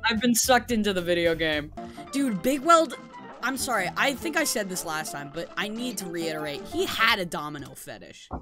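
A woman's voice: mid-range voice, lively intonation, moderate pace. A woman co-hosting a casual gaming stream, giggly and swearing a lot, talking into a close desk mic. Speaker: co-host streamer. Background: game music.

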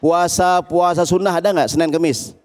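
Guy preaching on tv, tells stories, slow chanted verses, echoey hall. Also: on the high side. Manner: lively storytelling, chants Arabic verses slowly. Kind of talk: televised religious talk.

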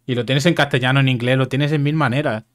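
A man's voice: medium pitch, steady tone, fast, dry recording, clean studio sound. A man from Spain with a Spanish accent, a blunt streamer who swears freely in casual chat.

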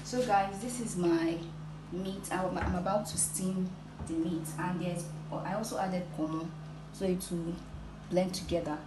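A woman's voice: lowish voice, steady tone, a little slow. A woman, explaining each step as she cooks in her home kitchen, recorded on a phone. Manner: plain step-by-step, addresses viewers as "guys". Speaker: cooking vlogger. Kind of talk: casual cooking walkthrough. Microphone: phone camera. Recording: echoey kitchen with loud background noise.

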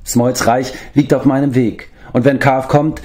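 A man's voice: medium pitch, flat delivery, unhurried, a little mellow, pitched above the performer's own voice, natural voice. Man doing a stern, resolute warrior lord. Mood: commanding. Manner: grave and commanding.

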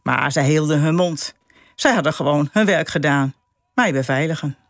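A woman's voice: sits low, normal speed, no room sound. A woman reading aloud from her own memoir in a radio studio, telling the story expressively and leaning into the quoted dialogue. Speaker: author and guest.

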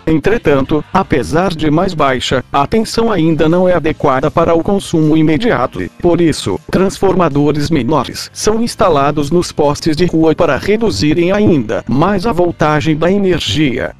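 Mad scientist with a robot voice, a man playing him, somewhat high-pitched, deadpan lecturer, light music underneath. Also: normal speed, few pauses. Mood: lecturing. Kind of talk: comedic scripted explainer.

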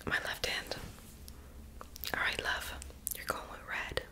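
A young woman doing a whispered role-play in a breathy, unvoiced ASMR whisper with tingly mouth sounds. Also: takes it slowly. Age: young adult. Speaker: ASMR performer playing a friend doing homework and makeup on the listener. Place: small bedroom, indoors.

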